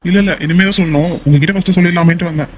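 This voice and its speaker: A man voicing a loud, excitable young guy. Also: high voice, racing, slight background noise, natural voice. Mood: relieved chatter. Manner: loud, exclamatory, teasing. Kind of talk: amateur cartoon voice acting.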